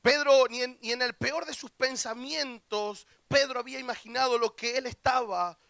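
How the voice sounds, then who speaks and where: A young man with a Rioplatense Spanish accent preaching a lively youth camp sermon, acting out quoted voices and joking with the audience. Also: very high-pitched, moderate pace, gravelly, no echo. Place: church hall.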